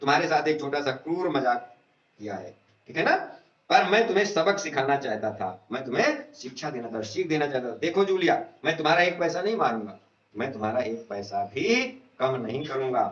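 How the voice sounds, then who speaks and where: A male teacher reading aloud the part of a stingy, hot-tempered master of the house, shouting and stammering with rage in a dull, echoey recording. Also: medium pitch, expressive, brisk, recorded from a distance, natural voice. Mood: lecturing. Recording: echoey room, dull lo-fi sound.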